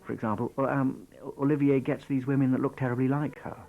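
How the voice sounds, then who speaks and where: A man's voice: medium pitch, flat delivery, fast, creaky, phone-quality sound. A man giving thoughtful, slightly hesitant commentary in a documentary interview.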